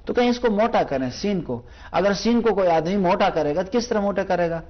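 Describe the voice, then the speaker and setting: On a televised lesson, a man teaches Quran recitation, patiently explaining pronunciation and slowly repeating each sound to demonstrate. His voice sits high and animated, and the recording has its highs cut off.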